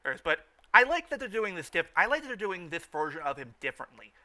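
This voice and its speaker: The host of a fan riffing show delivers casual commentary fast, his fairly high voice very bright and forceful with big pitch swings. Frequent stammering has him circling back over phrases before completing an idea.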